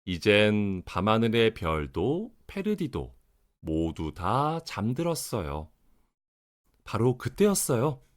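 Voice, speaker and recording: Slow, lively, over-enunciating male storybook narrator. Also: medium pitch. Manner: over-enunciated, very careful articulation. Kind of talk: expressive children's story reading.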